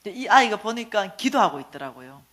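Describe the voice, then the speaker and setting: Animated Gyeongsang-accented woman preacher. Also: mid-range voice, fast. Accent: Gyeongsang Korean. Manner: animated, acts out dialogue. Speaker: church lecturer. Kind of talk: storytelling sermon lecture.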